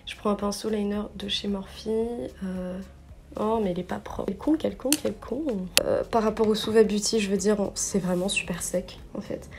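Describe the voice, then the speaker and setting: A woman's voice: mid-range voice, steady tone, moderate pace, background noise. A young woman narrating her makeup step by step in a casual vlog, chatty and full of little fillers and self-corrections. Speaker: beauty vlogger.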